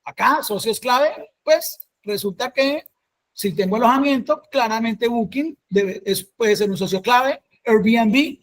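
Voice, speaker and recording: A speaker with a Colombian accent teaching a workshop. They think aloud through search results, fill pauses with hesitations, and keep checking in with the audience through short tag questions. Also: medium pitch, fairly bright tone. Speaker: workshop facilitator.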